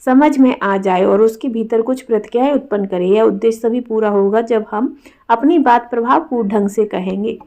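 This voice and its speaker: A woman's voice: fairly high pitch, moderate pace, a little mellow. A woman teacher reading a prepared exam answer aloud as a lecture, stressing words in example sentences.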